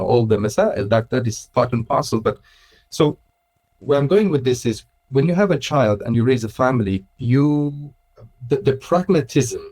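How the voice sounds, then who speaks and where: A man's voice: mid-range voice, darkish tone. Thoughtful Swiss-raised man in conversation. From Switzerland. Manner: thoughtful, with frequent restarts and laughs. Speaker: guest, Islamic school director. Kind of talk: casual conversational interview.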